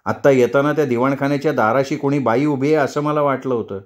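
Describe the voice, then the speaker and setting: A man's voice: medium pitch, fairly even intonation, fast, lightly acted. A man voicing a young, frightened daughter-in-law who pleads tearfully in a storybook reading. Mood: pleading.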